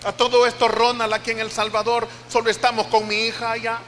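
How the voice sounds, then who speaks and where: An older man with a Costa Rican accent preaches a heartfelt testimony, repeating phrases as he tells it. His voice sits high and bright. Long church-hall reverb with a faint hiss behind him. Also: monotone, brisk. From Costa Rica. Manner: emotional storytelling with repeated phrases. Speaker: pastor. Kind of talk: sermon testimony.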